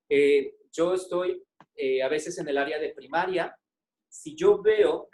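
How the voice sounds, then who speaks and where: A man's voice: fairly high pitch, a little mellow. A man, a psychologist giving a webinar talk to teachers, conversational and full of "eh" and "este" fillers, often checking in with his listeners. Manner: conversational, asks the audience frequent check-in questions.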